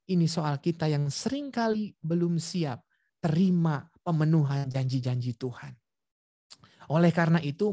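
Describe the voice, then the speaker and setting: A man preaching at a prayer meeting over a video call, telling a personal story with lively acted-out dialogue and speaking straight to his listeners. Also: a little high, dry recording, clean studio sound. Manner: addresses listeners directly.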